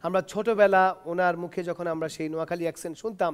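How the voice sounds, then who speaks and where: A man's voice: high voice, steady tone, fast talker, clear, resonant tone. Formal male talk show host. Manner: polite, formal introductions.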